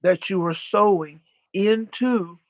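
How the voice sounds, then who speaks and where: A channeler with a high voice guides a live spiritual session, relaying teachings the way a seance medium would. His delivery is formal and emphatic, slow and deliberate, with pauses and repetition. The audio is muffled and has no room sound.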